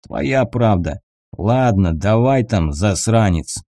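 A coarse male bandit tosses out crude jokes through a door, as a male audiobook reader voices him. The voice is lifted a little above the reader's own, mellow in tone and animated in pitch. The sound is dry and close. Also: takes it slowly, no echo. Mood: mocking. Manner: crude, joking.

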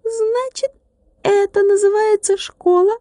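Brief: tiny glass drummer with a high ringing, huffy voice, clipped and offended, read by a woman, storybook figure, dry sound. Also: steady tone, slow pace, mellow, no room sound. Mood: indignant. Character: tiny touchy glass drummer, male, indignant.

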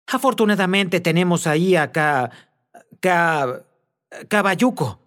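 A jittery woman trips over her syllables in a high, breathless voice, as a man acts her out. She sounds eager and nervous, her stammering pushing the words out. This is an audiobook reading. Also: lively intonation, takes it slowly, fairly bright tone, full character voice. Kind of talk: audiobook character voice.

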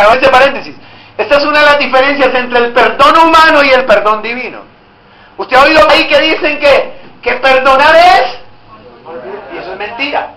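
A man's voice: very high-pitched, pushed and bright. A man preaching a sermon as pastor, emphatic and often asking the congregation rhetorical questions. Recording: echoey room.

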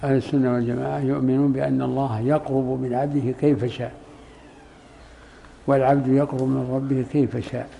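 A man, a sheikh in a mosque, giving a creed lecture in a measured way, with pauses and restarts. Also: mid-range voice, little pitch movement, creaky, dark tone, a little hiss or hum, poor audio. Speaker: sheikh explaining a text.

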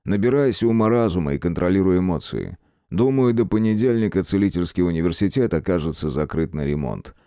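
A man voicing a middle-aged prince and father, measured and dryly amused. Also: low-pitched, lively intonation, dark tone, clean tone, no echo, studio quality. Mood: calm.

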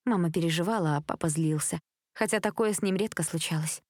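A woman narrating a teen novel as an audiobook in a steady, even storytelling manner. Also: lowish voice, fast, no room sound, studio quality. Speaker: audiobook reader. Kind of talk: scripted narration.

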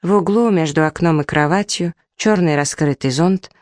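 A woman's voice: low-pitched, moderate pace, darkish tone, dry recording, studio quality. Woman author reading her story aloud.

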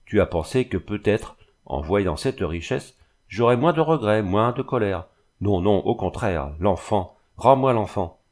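A man's voice: lowish voice, lively intonation, a little slow, a little mellow. A man reading as a furious grieving father. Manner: harsh, bitter outbursts. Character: angry grieving peasant father.

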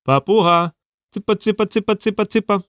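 A man voicing an easygoing, somewhat timid young artist, talking in an animated, exclaiming way. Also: high voice, fairly quick, no room sound, studio quality, pitched above the performer's own voice. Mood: excited.

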